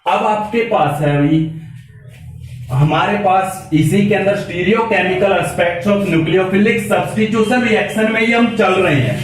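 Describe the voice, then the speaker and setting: A man's voice: high voice, slow, slight background noise. A man teaching a chemistry class, who keeps asking rhetorical questions, answers them himself and calls his students "beta". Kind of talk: classroom lecture. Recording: very echoey room, mic far off.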